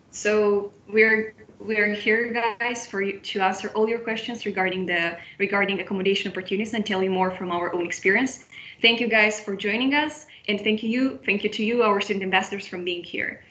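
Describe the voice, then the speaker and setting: Hosting a student webinar online, this young woman from Moldova keeps a friendly tone while frequently restarting and repeating herself. She speaks at a moderate pace with a medium, steady, slightly bright voice, captured as roomy, dull video-call sound.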